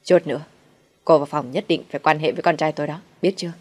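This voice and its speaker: A woman's voice: low-pitched, fast talker, soft background music. Woman voicing a harsh bossy mother-in-law. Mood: scolding. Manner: scolding, commanding. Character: harsh scheming middle-aged mother-in-law.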